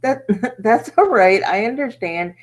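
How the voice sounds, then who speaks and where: An American woman hosting a casual chat in a relaxed, friendly way. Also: on the high side, measured pace. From United States. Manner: friendly, easygoing, laughs often.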